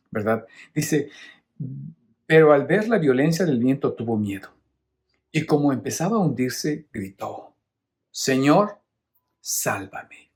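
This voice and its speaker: Preaching on a Bible reading, this middle-aged priest has a medium pitch and a somewhat mellow sound. He takes each point patiently, in a teacherly manner, pausing often to check in with his audience.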